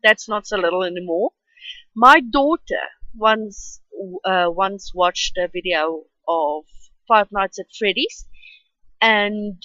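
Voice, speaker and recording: A woman whose first language is Afrikaans, with a matching accent, rambles casually with lots of ums while voicing over her speed drawing at home. Her medium-pitched voice is bright and forceful, she takes it slowly, and the recording is dry and lo-fi.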